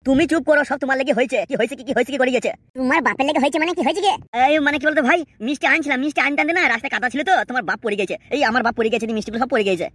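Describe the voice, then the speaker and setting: A woman's voice: high-pitched, racing, fairly bright tone, no room sound. A woman voicing a scheming young man who poses as a matchmaker in a comic cartoon, chatty and teasing.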